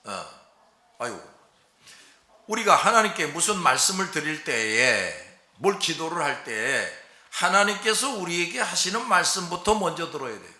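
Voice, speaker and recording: A man preaching a Sunday sermon as a pastor, in a folksy way, often checking in with his congregation through quick rhetorical questions. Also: a little high, big pitch swings, sharp tone, reverberant.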